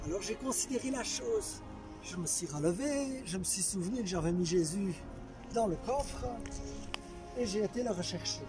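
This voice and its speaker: Over background music, a Belgian man with a high voice gives testimony to camera at a moderate pace, acting out certain moments. His storytelling is expressive and conversational, leaning on rhetorical repetition.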